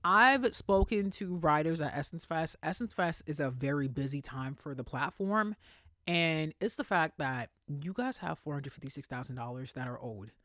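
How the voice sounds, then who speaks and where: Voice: medium pitch, expressive, normal speed, fairly bright tone, no room sound, clean studio sound. A podcast host ranting in casual talk, emphatic and profane, repeating points for stress. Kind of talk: casual opinion rant.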